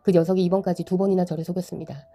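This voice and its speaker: A woman's voice: fairly low pitch, flat delivery, racing, dark tone, close to an everyday voice. A woman reading the lines of a wronged elder son who pleads with his father. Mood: pleading.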